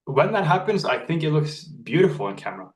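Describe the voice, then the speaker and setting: Heard from a distance in an echoey room, this young man from Norway speaks at a fairly high pitch, very animated and a little fast. He is an actor and model being interviewed casually, reflecting earnestly and frequently starting sentences over.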